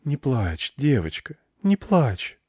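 A man voicing a gentle, caring middle-aged woman who speaks softly and soothingly. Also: mid-range voice, animated, measured pace, no room sound, studio quality, lightly acted. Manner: soft, soothing, quiet.

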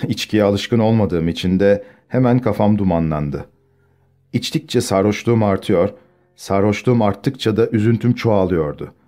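Low-voiced man reading an audiobook. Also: normal speed, dark tone, faint music behind. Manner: acts out the dialogue with shifting tone. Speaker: audiobook narrator.

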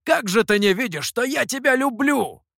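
A hot-headed monkey lord, put on by an audiobook reader insists and boasts in a loud, pompous voice. The pitch swings widely. The recording is close and dry. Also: male voice, lively intonation, moderate pace, gravelly, dry recording, exaggerated voice.

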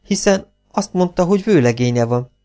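A man voicing a flustered gentleman trying to calm a quarrel, hesitant and soothing. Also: high voice, voice pushed up.

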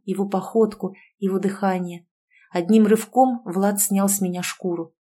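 Female audiobook narrator, first-person fantasy romance; gentle and even, mid-pitched.

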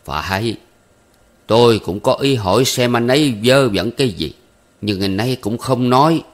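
A man voicing a calm older gentleman who speaks in an unhurried, measured way. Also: medium pitch, voice pushed up, natural voice. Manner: unhurried, measured, mildly ironic.

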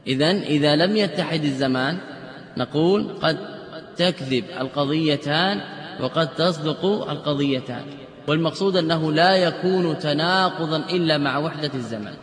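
A man's voice: fairly high pitch, moderate pace. Guy teaching a class, walks through examples and asks questions, lots of room echo. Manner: explains step by step with example sentences and rhetorical questions. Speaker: teacher of logic. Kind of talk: classroom lecture. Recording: echoey hall with long reverb.

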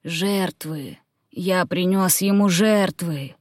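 A woman reading an audiobook voices an old grey-haired male druid, cold and calculating, who speaks slowly in a low, wheezing murmur. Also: darkish tone, no echo, clean studio sound. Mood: grim.

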